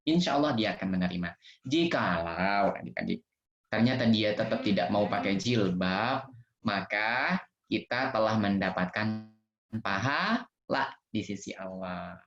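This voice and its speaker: A man teaching children in an online Q&A lesson, gentle and patient, with playful examples. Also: on the low side, lively intonation, measured pace. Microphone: video call. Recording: roomy, dull video-call audio.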